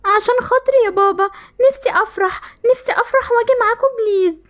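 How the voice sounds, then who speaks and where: A woman's voice: very high-pitched, fast talker, darkish tone. A woman with an Egyptian accent voicing a sad young girl rejected by her family, in a voiced game-animation story, tearful and pleading. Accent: Egyptian Arabic.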